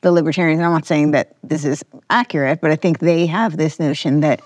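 A woman's voice: low-pitched, steady tone, brisk, no echo. A woman hosting a casual conversational podcast interview, thinking aloud in a tentative way. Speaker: podcast host.

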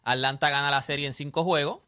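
A man's voice: on the high side, steady tone, quick pace, sharp tone, clear, resonant tone. A man on a sports radio panel, giving picks in a laid-back, matter-of-fact way. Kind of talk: sports talk radio banter.

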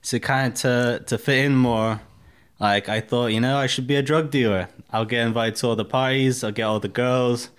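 This Russian man in his thirties speaks with an accent blending Russian, American and English as a guest in a casual interview. He chats candidly and profanely, full of fillers, in a smooth, mid-range voice that keeps a steady tone at normal speed.

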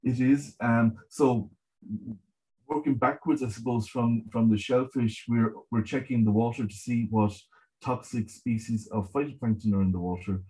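A middle-aged man with a west of Ireland accent explaining his work in a conversational interview, measured and often repeating words as he goes. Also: medium pitch, steady tone, dark tone, poor audio. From Galway, west of Ireland. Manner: measured, hesitant repetition of words, frequent 'you know'. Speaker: marine scientist guest.

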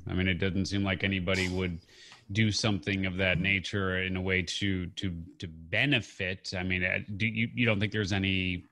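A man's voice: low-pitched, pushed and bright. A man hosting an interview, asking questions in a rambling way with fillers and backtracking. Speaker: podcast host. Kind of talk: conversational interview.

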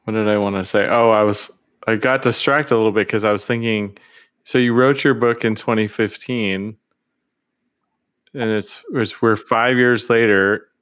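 Smooth low-voiced male interviewer. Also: fairly even intonation, moderate pace, a bit bright. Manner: encouraging, brief affirmations. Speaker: interview host. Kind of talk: casual interview chat. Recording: dull lo-fi audio.

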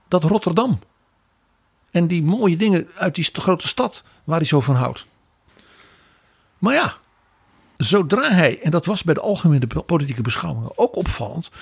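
Male podcast co-host, raspy and gravelly, lively wry political commentary, dry close mic. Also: on the high side, dry recording. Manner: animated, wry commentary with quoted asides. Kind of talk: political analysis chat.

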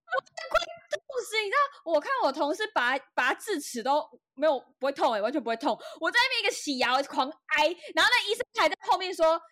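A woman with a Taiwanese Mandarin accent, co-hosting a podcast and retelling stories in an animated, dramatic way. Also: sits high, quick pace, few pauses, no room sound, studio quality. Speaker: podcast co-host. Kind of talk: casual storytelling chat.

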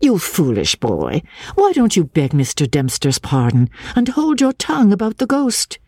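A reader voicing a brisk, forthright, good-humoured gentlewoman in a storybook. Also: medium pitch, big pitch swings, breathy edge, dry recording, studio quality, voice pushed up. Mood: scolding. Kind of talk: audiobook character voice.

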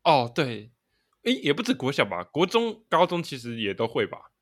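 At a moderate pace, a young man speaks at medium pitch with big swings in intonation. He's a podcast co-host in casual conversation, sharing stories and often laughing partway through sentences.

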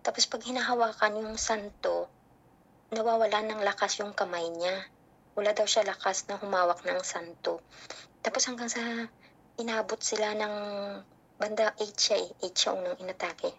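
A woman's voice: mid-range voice, normal speed, pauses often, slightly rough, muffled recording. Mother telling a story. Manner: animated storytelling, acting out dialogue. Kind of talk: casual storytelling.

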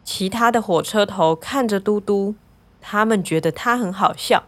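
A woman narrating a children's story in a gentle, lively, clearly paced way. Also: medium pitch, normal speed.

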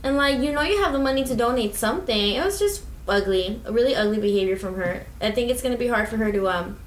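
A woman's voice: a little high, animated, fast, reverberant, a little hiss or hum, low-quality recording. Chatty opinionated woman in her twenties. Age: 20s. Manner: chatty, opinionated, many "like" fillers. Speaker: podcast co-host. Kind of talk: casual podcast chat. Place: at home.

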